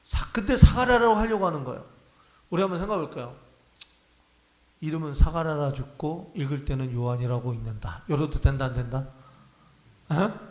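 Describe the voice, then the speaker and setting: A man's voice: on the high side, animated, a little fast, long pauses, a little mellow. A male pastor preaching a Sunday sermon in a conversational way, often asking the congregation questions. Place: church sanctuary. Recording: echoey church hall.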